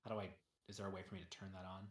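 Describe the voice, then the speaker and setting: A man playing a tabletop game, talking casually and haltingly as he thinks aloud. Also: low voice, level tone. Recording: roomy, echoey sound.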